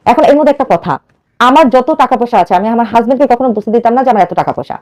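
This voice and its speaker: Rapid, high-voiced woman telling her story. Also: animated, a little mellow. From Bangladesh. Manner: rapid, earnest, acts out quoted dialogue. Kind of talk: emotional personal storytelling.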